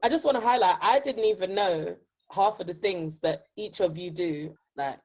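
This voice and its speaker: A woman's voice: fairly low pitch, normal speed, darkish tone. A woman hosting a podcast conversation, speaking in an upbeat, presenter-like radio voice. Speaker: podcast host.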